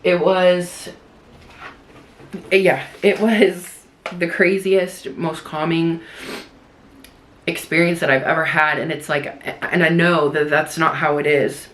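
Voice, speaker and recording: A woman's voice: low voice, fairly even intonation, takes it slowly, long pauses, a bit bright, slight background noise. A young woman vlogger chatting in a rambling way while doing her makeup, full of likes and restarts. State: tearful at moments. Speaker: beauty vlogger.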